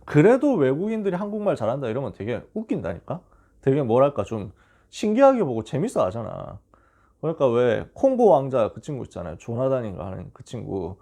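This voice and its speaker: Lively gravelly youth pastor. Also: male voice, mid-range voice, a little fast. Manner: casual storytelling, acts out quoted voices. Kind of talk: youth sermon. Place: church.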